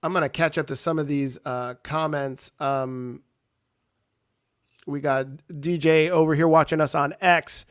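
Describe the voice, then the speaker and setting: A man hosting a casual wrestling talk show, excitable and reading out viewer comments. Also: fairly high pitch, unhurried, clean tone, dry recording, studio quality. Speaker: show host.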